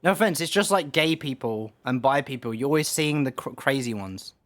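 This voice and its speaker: Dude streaming a game, rambly and sweary, dry sound. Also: male voice, medium pitch, expressive, fairly quick, fairly bright tone, no room sound. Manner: rambling, profane, many restarts. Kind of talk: casual rant on stream.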